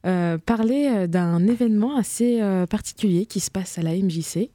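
A woman's voice: medium pitch, normal speed, warm tone, no echo, studio quality. A woman hosting a local radio interview, hesitant, with many fillers. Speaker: radio host.

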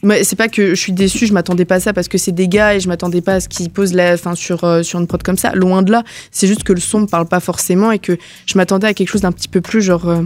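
A woman's voice: lowish voice, level tone, fast talker, few pauses, a little mellow. A woman hosting a casual music talk show, chatty and laughing at her own slips. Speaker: host.

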